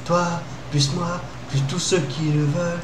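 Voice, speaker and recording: Streamer dude from reunion island, bit high voice, jokey and swearing, echoey noisy room. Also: male voice, steady tone, a little slow. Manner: jokey, swears, laughs often. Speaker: Twitch streamer. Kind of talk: late-night casual stream chat. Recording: echoey room with loud background noise.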